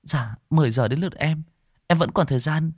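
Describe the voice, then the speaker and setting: A man voicing a young woman student, frightened and tearful, speaking in high, breathless, stammering pleas. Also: brisk, no room sound, studio quality, lightly acted. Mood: flustered.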